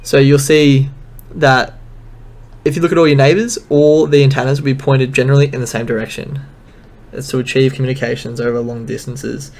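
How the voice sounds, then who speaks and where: A man talks through a technical lesson in an easygoing, unscripted way, leaning on plenty of ums as he walks through his slides. His pitch barely moves, staying level and even from phrase to phrase. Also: fairly quick. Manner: relaxed, many filler ums, loose explaining. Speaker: instructor.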